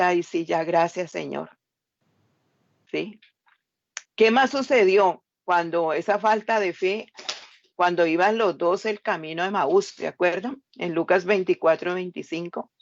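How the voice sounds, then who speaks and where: Woman preaching, gravelly and dry. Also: fairly low pitch, no room sound, dull audio. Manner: earnest, tender, asks listeners to agree. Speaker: devotional preacher. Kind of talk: devotional sermon.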